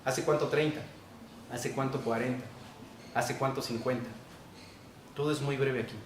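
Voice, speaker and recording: A male pastor preaching a sermon, repeating key phrases and swinging between loud emphasis and quiet asides. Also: medium pitch, steady tone, moderate pace, a little hiss or hum. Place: church hall. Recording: echoey church hall, distant mic.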